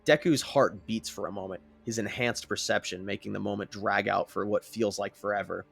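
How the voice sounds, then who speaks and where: Gravelly man narrating a fan story. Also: lowish voice, steady tone, fairly quick, no room sound, faint music behind.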